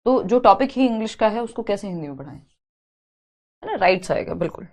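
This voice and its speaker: A woman's voice: mid-range voice, animated, moderate pace, darkish tone. A woman teaching an exam-prep lesson in a live online class, explaining step by step, mixing in English terms and reading out viewer comments.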